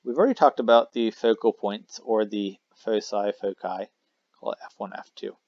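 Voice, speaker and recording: Male math teacher, casual whiteboard explainer, gravelly voice, dry lo-fi mic. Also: fairly low pitch, a little fast, a little mellow, dry recording. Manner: casual, self-correcting explanation with fillers. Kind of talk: recorded math lesson at a whiteboard. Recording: dry, slightly dull lo-fi mic.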